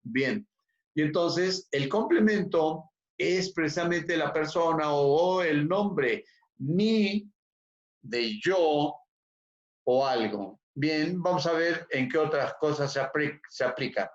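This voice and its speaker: A man's voice: fairly high pitch, lively intonation, slow. A man teaching English over a video call, repeating words and checking on his students. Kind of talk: online class teaching. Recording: dull echoey room audio.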